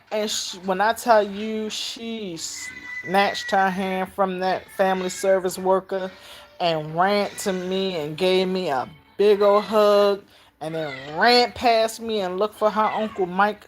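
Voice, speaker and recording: An older woman, telling stories about raising her granddaughter in a casual, animated way, jumping into high squeals when she acts out voices. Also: slow, a little hiss or hum. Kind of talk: casual storytelling vlog.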